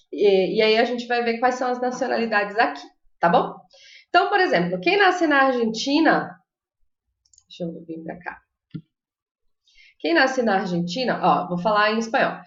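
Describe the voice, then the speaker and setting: A Portuguese-speaking woman teaching a live online Spanish lesson, chatty and encouraging, slowly modeling pronunciations. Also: on the high side, lively intonation. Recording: echoey room, slightly dull sound.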